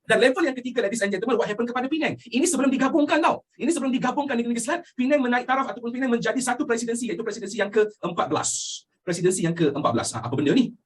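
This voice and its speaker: A young Malaysian man teaching history with a Malaysian accent, animated and constantly asking his students questions. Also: extremely high pitch, very fast, few pauses, husky. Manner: animated, asks students questions constantly, mixes in English phrases. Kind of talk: lively classroom lecture.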